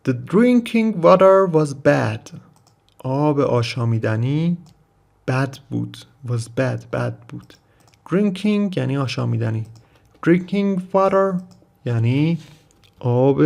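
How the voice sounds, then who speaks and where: A man with a gravelly, creaky voice at an ordinary middle pitch gives an English vocabulary lesson. His first language is Persian. He reads English phrases slowly and carefully, then explains them at length. Keyboard clicks can be heard behind him. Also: a little mellow. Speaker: English teacher.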